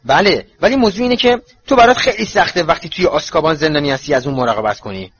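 Man doing a shrill worried storybook mother, husky, lo-fi sound. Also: very animated, a bit bright, heavily acted. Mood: agitated. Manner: shrill and pleading. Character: anxious, fierce middle-aged mother. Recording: dull lo-fi recording.

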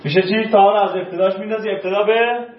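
A man's voice: high-pitched, fairly even intonation, a little hiss or hum. A male teacher giving a classroom grammar lesson, drilling verb forms and quizzing his students. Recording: dull, roomy classroom recording.

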